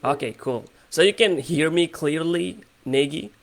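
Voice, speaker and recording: A man whose voice is on the high side talks a little slowly, with an Indonesian accent, while hosting casual English practice over a video call. He hesitates throughout, with plenty of fillers and restarts.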